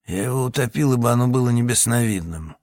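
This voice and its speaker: A man's voice: mid-range voice, animated, fast, darkish tone, no echo, clean studio sound, natural voice. A man voicing a wary, greedy ferryman who grumbles and dodges questions, read as an audiobook. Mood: sullen. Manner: grumbling and evasive. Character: wary, greedy middle-aged ferryman, evasive liar.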